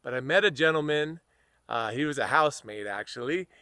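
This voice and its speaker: An American man giving a slow, earnest spiritual self-help lesson, speaking softly and repeating phrases. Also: mid-range voice, lively intonation, clear, resonant tone, no room sound, studio quality. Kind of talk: guided spiritual talk to camera.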